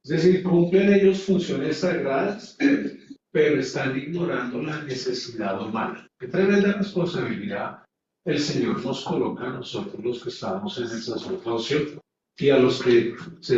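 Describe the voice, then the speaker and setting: This Bible class is taught sermon-style by a man of medium pitch and moderate pace, who underlines his points and puts rhetorical questions to those listening. Background noise is present, and the distant mic makes it echoey and dull.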